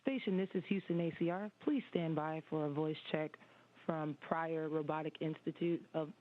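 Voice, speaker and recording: A mission control communicator calling over a radio link in formal voice procedure. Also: mid-range voice. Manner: formal, measured call-and-check phrasing. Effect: space-to-ground radio link. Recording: tinny radio transmission.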